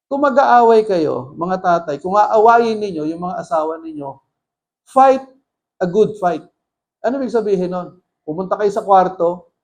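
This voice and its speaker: A man's voice: high-pitched, a little mellow. A man preaching as pastor, mixing Tagalog and English and putting rhetorical questions to the congregation. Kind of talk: sermon.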